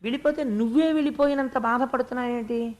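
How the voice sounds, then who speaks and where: The narrator's own voice playing an elderly sage in a told scripture story, speaking calmly and reasoning patiently with a king in mourning. He questions and admonishes in an even, measured tone, with no put-on voice. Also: medium pitch, voice pushed up, natural voice. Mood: admonishing. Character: elderly male sage consoling a grieving king.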